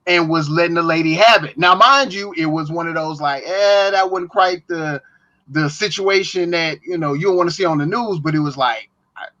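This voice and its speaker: High, bright-voiced man on a dull line. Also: moderate pace. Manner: rambling, animated anecdote teller. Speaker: podcast co-host. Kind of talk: casual storytelling.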